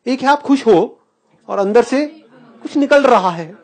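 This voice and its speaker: Speaking very slowly in a very high voice, a man delivers a live spiritual talk before an audience. He keeps asking questions with real animation, frequently laughs, and blends English expressions into Hindi.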